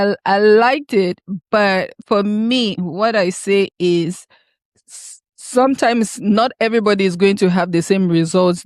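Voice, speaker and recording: A woman's voice: medium pitch, a little mellow, no room sound. A woman co-hosting a podcast, explaining her view earnestly and circling back to her points in casual chat. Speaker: podcast co-host.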